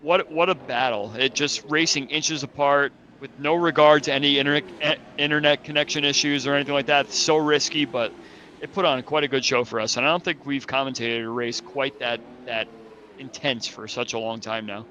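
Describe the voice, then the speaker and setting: Bright-voiced man doing race color commentary. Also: medium pitch, fairly even intonation, brisk, slight background noise. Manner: chatty and thinking aloud, with restarts. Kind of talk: sim racing color commentary.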